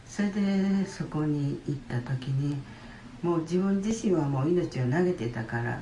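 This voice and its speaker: An older woman, giving a halting personal testimony in church with many pauses. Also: deep voice, mellow, a little hiss or hum. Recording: roomy church hall.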